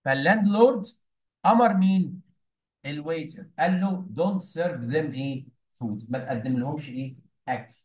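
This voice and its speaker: A man's voice: fairly high pitch, moderate pace, a little mellow, poor audio. Egyptian man teaching, quizzing students. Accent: Egyptian Arabic. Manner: quizzing students with prompts, mixing English words into Arabic. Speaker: English teacher. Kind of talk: explaining a play scene to students.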